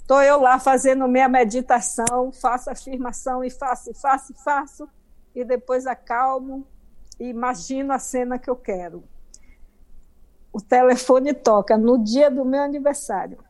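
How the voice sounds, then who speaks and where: Woman, Brazilian Portuguese accent, middle-aged, high-pitched, emphatic storyteller, interview guest. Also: steady tone, normal speed, a little mellow.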